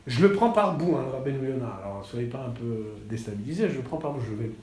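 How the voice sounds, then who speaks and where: A man teaching a classroom text study, halting and repeating words, then stressing key points with energy. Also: medium pitch, lively intonation, darkish tone, roomy sound, slight background noise.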